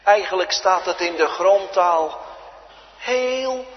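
A pastor preaching a sermon, swinging between loud cries and hushed near-whispers. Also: male voice, medium pitch, expressive, extremely slow. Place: church. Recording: dull lo-fi sound with long church reverb.

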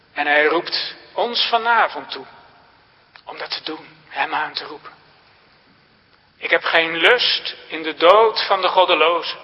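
A male pastor preaches in a slow, deliberate cadence, his fairly high voice lifting on emphatic phrases. The sound is a dull, lo-fi church recording with a long reverb trailing after each line. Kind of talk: sermon.

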